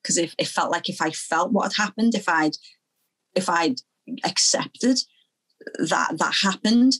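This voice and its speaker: A young woman from Liverpool, speaking as an interview guest, earnest and halting, often repeating phrases as she recalls her past. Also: lowish voice, a bit bright, poor audio. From Liverpool, England. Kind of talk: personal testimony in an interview.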